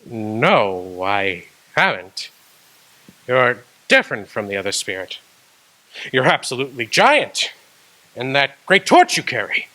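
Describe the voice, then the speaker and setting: An actor playing old Ebenezer Scrooge in a radio drama, startled and questioning. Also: male voice, medium pitch, huge pitch swings, takes it slowly, sharp tone, exaggerated voice, poor audio. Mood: wondering. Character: old miser Scrooge, male, wary and awed.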